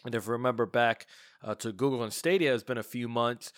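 Chatty and full of fillers and restarts, a congested man with a cold talks through his casual gaming podcast alone. The clean, dry studio recording captures a steady, fairly bright mid-range voice moving fairly quickly.

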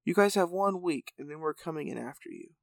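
Ma, easygoing tough heroine put on by a man, raised a bit in pitch, gravelly, storybook reading. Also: fairly quick, no echo, clean studio sound. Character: tough woman hero, laid-back leader.

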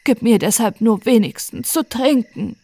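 Woman doing a hoarse, starving young man. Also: on the high side, moderate pace, warm tone, dry recording. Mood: pleading. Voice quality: hoarse, feeble. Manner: wailing, pleading. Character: weak, starving young man, self-tormenting.

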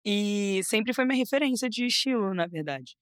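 Lively Carioca woman chatting, dry sound. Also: mid-range voice, normal speed, clean tone, no room sound. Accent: Carioca Brazilian Portuguese. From Rio de Janeiro, Brazil. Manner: lively, laughs often, restarts phrases. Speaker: guest model. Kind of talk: casual interview chat.

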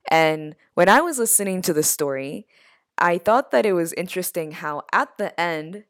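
Thoughtful woman, low voice. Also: lively intonation, moderate pace. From United States. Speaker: interviewer. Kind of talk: reflective conversational interview.

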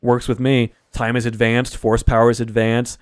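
Casual male co-host, mid-pitched and animated, dry close sound. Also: moderate pace, clear, resonant tone, no echo. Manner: animated, gets loud and high when excited. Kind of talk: casual movie discussion.

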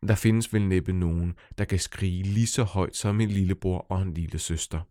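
A man's voice: sits low, fairly even intonation, warm tone, no room sound, studio quality. A man narrating his own children's story, playful and speaking directly to young listeners. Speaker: storyteller and author.

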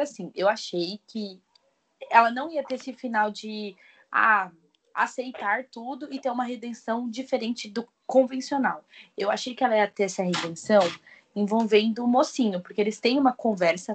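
A woman co-hosting a podcast in casual chat, animated and expressive, acting out characters' lines as she talks. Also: mid-range voice, normal speed, husky. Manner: animated, acts out character dialogue in quoted voices; expressive, frequent laughs and exclamations. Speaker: podcast co-host reviewing books.

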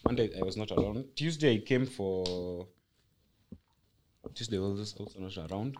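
A man's voice: fairly low pitch, normal speed, darkish tone. A young man with a Kenyan accent hosting a podcast in casual, joking, teasing banter. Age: young adult. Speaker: podcast host.

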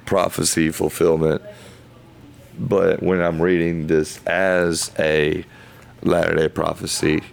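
Thinking aloud in loose, halting phrases, a podcast host leads a casual Bible study. His voice sits low and is hoarse, as though he's losing it.

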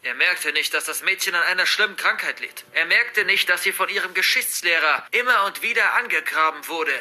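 A man's voice: sits high, brisk, pitched above the performer's own voice, exaggerated voice. A man doing a menacing vengeful old father. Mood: bitter. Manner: menacing, mocking, bursts into shouting.

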